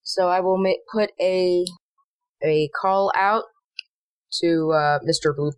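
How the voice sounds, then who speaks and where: A woman's voice: lowish voice, steady tone, takes it slowly, clear, resonant tone, no room sound. A woman playing a tabletop game, chatty and hesitant, with many fillers. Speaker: player. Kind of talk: casual tabletop play.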